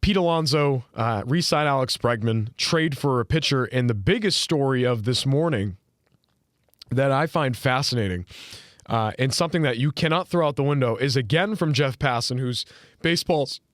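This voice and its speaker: A man hosts a casual sports podcast and talks in a loose, rambling way full of fillers and restarts. His voice sits at a middling pitch. The sound is dry and close, with no room around it. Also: animated, normal speed, dry recording. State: hiccuping. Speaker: podcast host.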